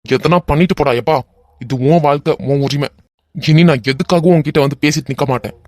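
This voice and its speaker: An exasperated young husband from a cartoon, voiced by a man with a Kanyakumari Tamil accent. He scolds his friend in a sharp, weary way, with a voice somewhat high for a man. The sound is dry and close to the mic. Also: brisk, no echo, natural voice. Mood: angry. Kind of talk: animated web cartoon voice acting.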